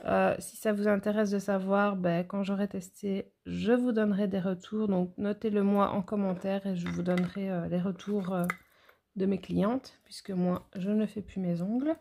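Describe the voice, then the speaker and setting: Woman, nail educator, casual haul vlog, gravelly fry, chatty and hesitant. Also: medium pitch, steady tone, normal speed, dark tone, a little hiss or hum. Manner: chatty, addresses viewers directly, frequent hesitations.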